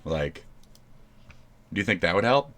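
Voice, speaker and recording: A man streaming live, ranting in profane, mocking commentary that keeps jumping into loud shouts. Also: deep voice, very animated, a little slow.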